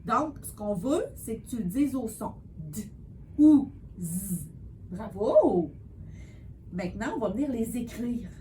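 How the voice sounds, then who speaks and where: A woman's voice: a little high, lively intonation, a little hiss or hum. Patient woman tutoring a child. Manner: patient, encouraging, sounds out words slowly. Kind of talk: one-on-one spelling lesson.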